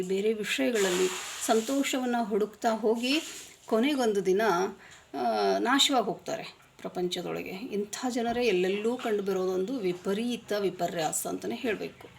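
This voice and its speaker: A woman's voice: medium pitch, gravelly, a little mellow, a little hiss or hum. Earnest woman storyteller. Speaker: moral storyteller. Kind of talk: moralizing storytelling talk.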